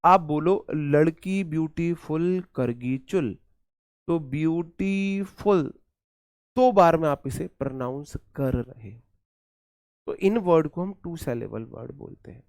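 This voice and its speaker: A man teaching English grammar for exam preparation, repeating words slowly and calling his students "brother". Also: a little high, animated, darkish tone, no room sound, studio quality. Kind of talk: exam-prep lecture.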